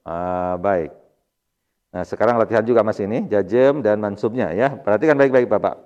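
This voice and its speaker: A man teaching Arabic grammar to a mosque study class, reading phrases slowly and then explaining them quickly with a chuckle. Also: lowish voice, darkish tone, muffled recording. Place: mosque hall. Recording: long hall reverb.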